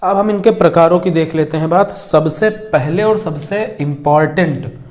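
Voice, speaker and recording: At the board, a young male teacher runs through a grammar lesson with a somewhat high yet darkish-toned voice. His dictation is slow, each word said again while he writes it, and he keeps answering his own questions.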